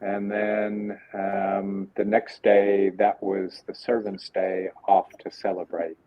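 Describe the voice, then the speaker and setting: A man's voice: deep voice, completely flat delivery, slow pace. A man co-hosting a casual livestream, joking in an easygoing way. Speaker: co-host. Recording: dull lo-fi sound, faint noise.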